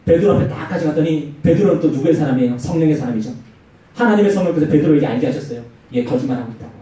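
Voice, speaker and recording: A man preaching a youth sermon in a church, telling stories and acting out the quotes. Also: rapid-fire. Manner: animated storytelling with acted-out quotes and swinging pitch. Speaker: youth pastor. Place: church hall. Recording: very echoey hall, mic far off.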